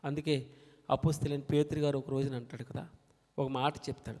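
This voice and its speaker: A man preaching a sermon, swinging from soft talk to loud, emphatic scripture reading and leading the congregation to read verses aloud with him. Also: medium pitch, flat delivery, fairly quick.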